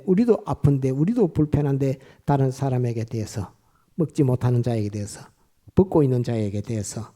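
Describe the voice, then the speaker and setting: A male pastor giving a Sunday morning sermon, halting with frequent "uh" fillers and having the congregation repeat phrases after him. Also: medium pitch, mellow.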